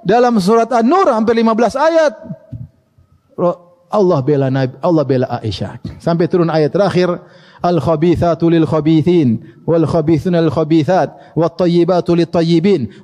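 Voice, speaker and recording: A man preaching a sermon as an animated storyteller, dropping his voice low for sad moments. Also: in a large hall. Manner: animated storytelling, chuckles, dramatic drops in voice. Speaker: Islamic preacher.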